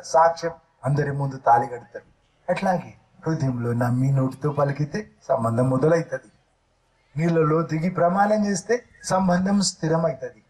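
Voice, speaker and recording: A man's voice: a little high, darkish tone, low-quality recording. A male pastor preaching a sermon, asking rhetorical questions and using everyday examples.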